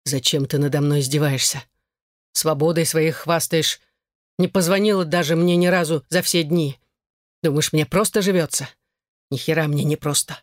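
A reader voicing a jealous, domineering man who speaks slowly through clenched teeth in an audiobook. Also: medium pitch, dry recording, clean studio sound, natural voice. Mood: aggrieved. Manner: slow, clipped, through teeth. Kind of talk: audiobook character voice.

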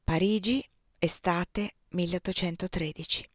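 A woman reading a novel aloud as an audiobook, measured and quietly voicing the dialogue. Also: lowish voice, steady tone, no room sound, clean studio sound. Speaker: audiobook reader.

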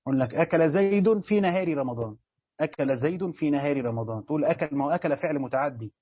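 A man's voice: fairly high pitch, lively intonation, fast talker, slightly rough, dry recording. A man with an Egyptian accent teaching Quran commentary in a colloquial lecture, posing questions and answering them himself. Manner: explanatory, asks and answers his own questions. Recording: dull, dry lo-fi recording.

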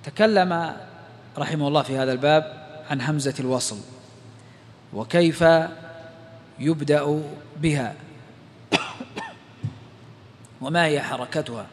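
A man with a slightly high voice gives a lesson on Quran recitation rules, explaining each rule step by step and quoting verses and poetry. His voice rings with a long echo, like in a large hall. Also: slow, long pauses. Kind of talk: religious lesson lecture.

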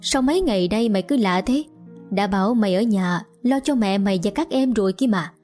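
A woman's voice: medium pitch, fairly quick, dark tone, soft background music, natural voice. A woman voicing a stern, hot-tempered poor village father who scolds harshly in an audio story. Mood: angry.

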